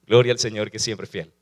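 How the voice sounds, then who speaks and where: A male pastor preaching a sermon, asking rhetorical questions and calling on the congregation to repeat after him. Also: lowish voice.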